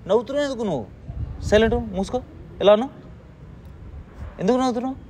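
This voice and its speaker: A man's voice: extremely high pitch, fast. A man playfully scolding and teasing a small child, firing the same questions at her again and again in a mock-stern way, then coaxing her to stop crying. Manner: coaxing, repeating soothing phrases. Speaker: vlogger playing with a small child. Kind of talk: casual teasing talk with a child.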